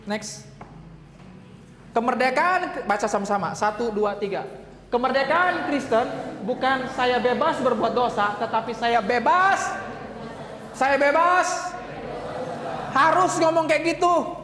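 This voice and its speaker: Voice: medium pitch, lively intonation, measured pace, fairly bright tone. A youth fellowship preacher giving a direct, urgent, conversational sermon in a church hall.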